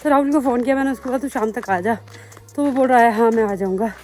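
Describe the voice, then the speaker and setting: A woman's voice: fairly high pitch, fast, darkish tone, faint music behind. A young woman, vlogging outdoors in her mountain village and chatting straight to the camera. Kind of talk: casual vlog narration.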